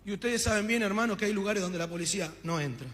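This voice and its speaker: A man with an Argentine accent preaches his own testimony, telling the story with fervor and acting out what each person said. His voice sits high. A long reverb trails behind him, as in a hall. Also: fast, fairly bright tone. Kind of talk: testimony sermon.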